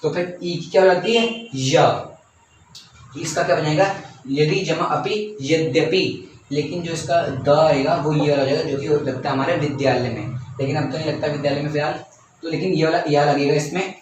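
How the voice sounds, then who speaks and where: A man's voice: fairly high pitch, moderate pace, slight background noise. A young man teaching a grammar lesson step by step, repeating points and often saying okay. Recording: very echoey room, voice from far off.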